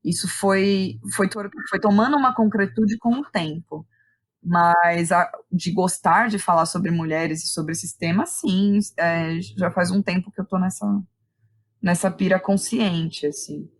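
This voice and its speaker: Her voice is on the low side and a little slow. She is a playwright and director with a Brazilian accent, reflecting as a guest in a conversational interview, thinking out loud and often adding short tag questions.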